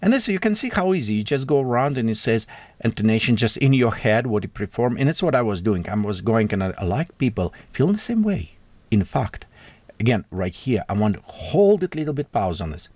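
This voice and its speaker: A man hosting a casual software tutorial, speaking halting, non-native English with frequent restarts and self-corrections. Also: medium pitch, sing-song, dry recording. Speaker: tech tutorial host.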